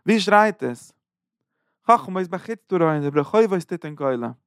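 Man, Torah sermon, sing-song chanting, repeats phrases for emphasis, gravelly, dry close sound. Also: high voice, expressive, normal speed, no echo. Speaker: preacher giving a Torah talk.

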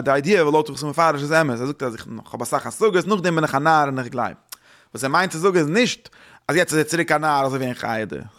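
A man's voice: medium pitch, creaky, fairly bright tone. A man teaching a religious lesson in a rambling way, mixing German with Yiddish, Hebrew and English words. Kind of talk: Torah lecture.

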